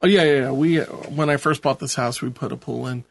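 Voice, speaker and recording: A man's voice: medium pitch, a little fast, creaky. A man hosting a podcast, recapping a show in casual, rambling conversation. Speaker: podcast host. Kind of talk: casual episode recap chat.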